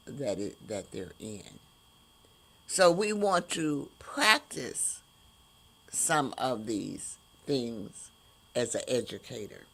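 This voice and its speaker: A woman hosting an inspirational podcast, speaking in slow, drawn-out emphatic phrases. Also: rumbling low. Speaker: host.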